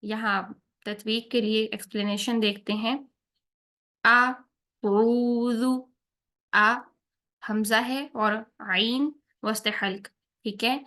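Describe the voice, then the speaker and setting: A woman teaching tajweed, who explains each rule patiently, checks in with her learners often and slows down to recite the examples. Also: medium pitch, fairly even intonation, fairly bright tone. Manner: patient, checks in with "theek hai?" after each point.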